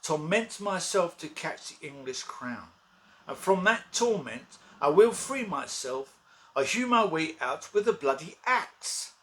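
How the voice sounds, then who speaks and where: A man's voice: on the high side, very animated, measured pace, fairly bright tone. A man playing a bitter, ambitious, deformed duke in a theatrical, declamatory Shakespearean soliloquy. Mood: menacing, exultant. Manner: theatrical, declamatory, archaic phrasing.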